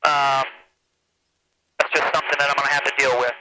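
An American man in his thirties talking like a pilot over the radio, giving measured, hesitant, matter-of-fact flight commentary into a headset mic. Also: medium pitch, level tone. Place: open cockpit of a small light aircraft. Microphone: aviation headset boom mic. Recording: noisy cockpit headset intercom audio.

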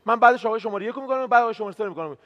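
A man's voice: extremely high pitch, fairly bright tone, long reverb tail, highs cut off. A man, a game show contestant, coaxing and then accusing another player. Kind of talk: heated argument at a game table.

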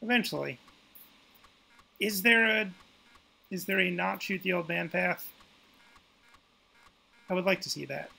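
A man's voice: high voice, unhurried, creaky, long pauses, bright, forceful tone, husky. A man giving casual gameplay commentary as a streamer, full of wry, self-mocking asides. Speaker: game streamer.

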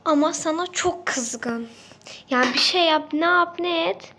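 A woman's voice: very high voice, a little slow, pushed and bright, slight background noise, exaggerated voice. A woman voicing an angry, demanding mother in a game role-play, speaking in a bossy, scolding way.

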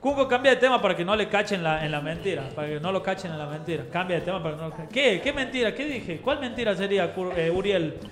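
Speaking quickly with barely a pause, this young Argentine radio host has a high, slightly bright voice and lively intonation as he trades jokes with his co-hosts. His Argentine Spanish turns playful and boastful, with bits of mock Italian. He's on a studio mic with headphones in a roomy space with music underneath.

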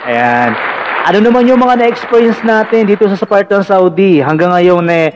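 A man hosting a casual live call-in vlog, chatty and teasing, filling pauses with "ayan". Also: high-pitched, expressive, a crowd in the background, noisy background. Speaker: vlog radio-style host taking callers.

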